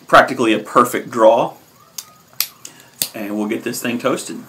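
A man in his thirties giving a casual, hesitant, relaxed review to camera as a host, with frequent pauses. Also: mid-range voice, slight background noise. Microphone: camera at arm's length.

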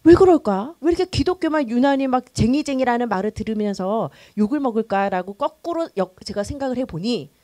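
A middle-aged woman pastor teaching a church class for new members in a lively, conversational way, acting out the quotes she tells. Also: a little high, no echo. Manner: conversational, animated, acts out quotes.

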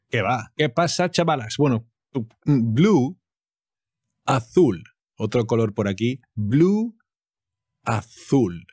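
A man's voice: lowish voice, a little mellow, husky, no room sound, studio quality. A man from Spain with a Spanish accent, teaching vocabulary by saying each word and then acting out short, playful example sentences.

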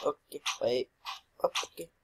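Slow-talking man in goofy game commentary. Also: poor audio. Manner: rambling, jokey, easily puzzled. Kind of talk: casual gameplay commentary. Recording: loud background noise.

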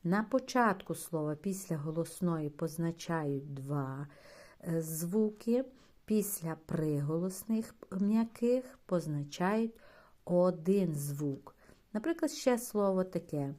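A woman primary school teacher giving a phonics lesson to young children, drawing out syllables slowly and calling the pupils her dear ones. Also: on the low side, expressive, dark tone. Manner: slow, patient, drawn-out syllables and sounds.

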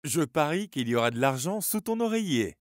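A man's voice: on the high side, sing-song, a little fast, no echo, studio quality, voice pushed up. A man doing a teasing young friend. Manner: mocking, playful.

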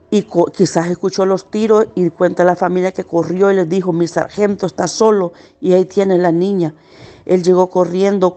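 A middle-aged woman gives earnest, pained personal testimony as a witness, slowing down at the hardest parts. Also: on the low side, dark tone. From El Salvador. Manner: earnest, pained recounting, slowing at hard moments.

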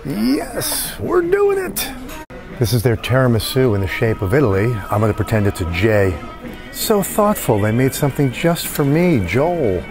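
Music plays in the background as this man, a food vlogger in his fifties, eats at an upscale indoor restaurant and records himself with a phone at arm's length. His voice is mid-range and very animated at a moderate pace, and his commentary on every dish is eager and full of jokes.

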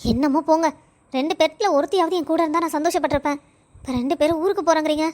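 Cast: woman as a doting old village grandmother, high and quick, fussing and pleading, cartoon story. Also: a little mellow, natural voice. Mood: sulking. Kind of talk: animated story voice acting.

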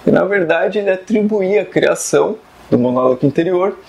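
Guy teaching writing, kinda high voice with a gravelly edge, rambles off on tangents. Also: lively intonation, fairly quick, darkish tone, lo-fi sound. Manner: chatty and digressive, with many asides and tag questions. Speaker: writing teacher and video host. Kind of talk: casual talk to camera about fiction writing.

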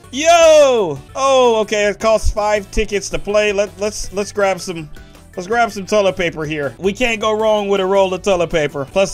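Excitable high-voiced young man gaming. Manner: excitable, joking, addresses viewers. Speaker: gaming channel host. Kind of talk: casual gameplay commentary.

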